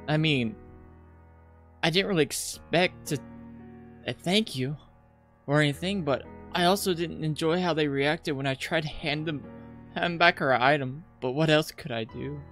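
The host of a visual novel playthrough reads game text aloud with casual asides, sometimes stumbling over words. The voice is medium-pitched and a bit bright, at normal speed, with game music playing behind it.

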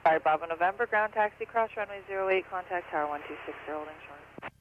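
A man's voice: high-pitched, fast talker. A man giving clipped, procedural taxi instructions as a ground controller over the radio. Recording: thin phone-like radio with faint static.

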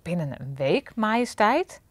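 A woman's voice: mid-range voice, very animated, unhurried, no echo. A woman voicing a big, proud male master baker in a storybook reading. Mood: teasing.

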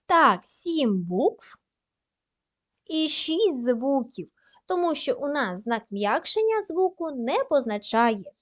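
Female primary teacher, high animated voice, unhurried dictation with plenty of praise. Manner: slow, careful dictation with frequent praise. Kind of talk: recorded lesson for young pupils.

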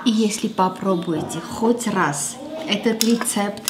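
A woman's voice: medium pitch, unhurried, background noise. A woman in her thirties with an Armenian accent hosting a cooking show in her home kitchen, chatting casually and thinking aloud with fillers and restarts. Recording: echoey kitchen with background music.

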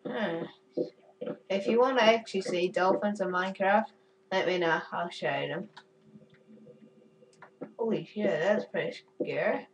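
A woman's voice: mid-range voice, a little slow, pauses often, far from the mic, a little hiss or hum, rough recording. A woman giving chatty, goofy commentary while playing a game, cursing and giggling at her own jokes. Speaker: gamer. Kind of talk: casual gameplay commentary.

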